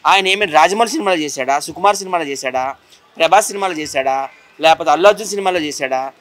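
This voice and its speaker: A man's voice: fairly high pitch, fast talker, a bit bright. A man from Visakhapatnam giving an indignant, insistent account in an interview. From Visakhapatnam, India. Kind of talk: heated complaint in an interview.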